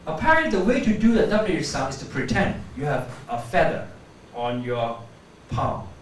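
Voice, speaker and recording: Male speech teacher, higher-pitched voice, drills words aloud, recorded off-mic in a roomy space. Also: very animated. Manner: demonstrates sounds slowly, repeating words. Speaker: pronunciation teacher. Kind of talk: pronunciation lesson with demonstrations. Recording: echoey room, voice from a distance, faint background hum.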